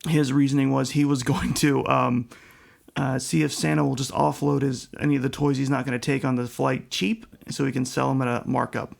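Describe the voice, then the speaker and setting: A man's voice: medium pitch, flat delivery, a little fast, vocal fry. A man co-hosting a casual podcast, reviewing a film bluntly and sarcastically. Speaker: podcast co-host. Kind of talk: casual movie review chat.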